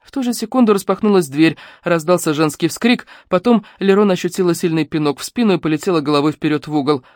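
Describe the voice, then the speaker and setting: A woman reading a detective novel aloud in a measured, even narration. The recording is dry and close to the mic, with no room sound. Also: on the low side, no room sound. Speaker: audiobook narrator. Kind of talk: scripted narration.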